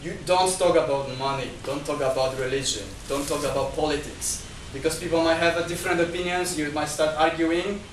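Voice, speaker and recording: Slightly high and steady, this man's voice moves briskly with few pauses as he addresses an indoor discussion group, stepping through numbered points amid restarts and repeated words. Not a native Chinese speaker, he's picked up by a far-off mic in an echoey venue with faint background noise.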